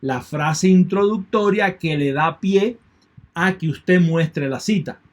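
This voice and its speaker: A man's voice: on the high side, slow. A man teaching an online lecture in a methodical way, repeating key points and thanking his students. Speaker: university lecturer.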